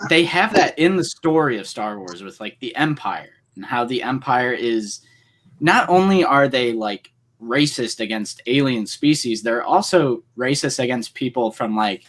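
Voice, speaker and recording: A man's voice: medium pitch, lively intonation, unhurried, fairly bright tone. A man co-hosting a casual livestream, talking in long rambling runs full of fillers. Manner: rambling, filler-heavy, enthusiastic fan talk. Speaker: co-host.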